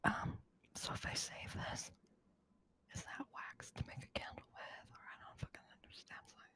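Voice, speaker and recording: A woman's voice: normal speed, sharp tone. A woman streamer whispering into her streaming mic during a joking ASMR livestream, playful and full of swearing. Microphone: streaming mic on push to talk.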